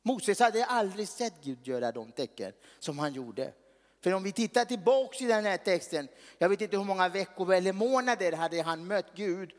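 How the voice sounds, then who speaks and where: Guy preaching a sermon, chatty, keeps asking the room questions, high voice, echo like a big hall. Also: lively intonation. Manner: conversational, tags lines with questions to the audience. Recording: long hall reverb.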